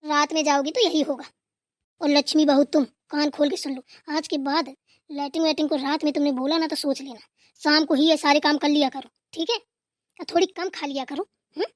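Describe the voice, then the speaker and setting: A woman's voice: sits high, fairly even intonation, fairly quick, no echo, clean studio sound, close to an everyday voice. A woman voicing a grumpy older mother-in-law who nags and scolds in a comic family skit. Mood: scolding. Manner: bossy, nagging scolding.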